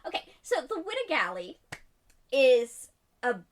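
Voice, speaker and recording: Woman podcast co-host, casual comic storyteller, lively swooping voice, giggly. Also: high voice, unhurried. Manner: playful, giggly, chatty.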